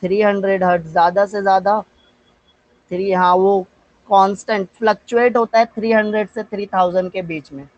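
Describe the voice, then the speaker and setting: In a live online physics class, a man from India uses his Indian-accented, high-pitched voice, a little mellow and fairly even in intonation. He answers questions he poses himself, dictates English definitions slowly, and addresses students by name. The sound is lo-fi, with no room sound.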